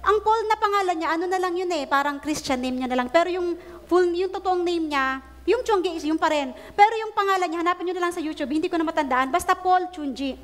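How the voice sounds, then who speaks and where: A woman preacher, telling a story in her sermon with animated delivery and English phrases mixed in. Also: very high voice, quick pace. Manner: animated storytelling, acting out quoted prayers; mixes Tagalog with English phrases.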